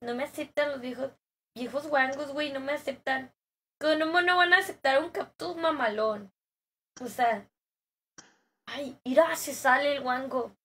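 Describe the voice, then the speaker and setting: A woman's voice: high-pitched, steady tone, unhurried, sharp tone. A young woman with a Mexican accent, chatting casually and playfully with slang while streaming a game. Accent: Mexican Spanish. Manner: playful, slangy, laughing asides. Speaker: gaming streamer. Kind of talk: casual gaming stream chat.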